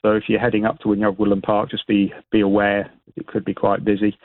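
A British man speaking as an expert guest in a radio interview, explaining informally in a hesitant, halting way with repeated words over a phone line. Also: fairly low pitch, completely flat delivery, no echo. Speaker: astronomy expert and event organiser, radio guest. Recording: band-limited tinny phone line.

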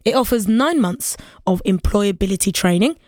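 A woman's voice: mid-range voice, animated, normal speed, darkish tone, dry recording, clean studio sound. A woman presenting a local radio show, chatting casually and musing aloud before inviting listeners to text in. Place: radio studio.

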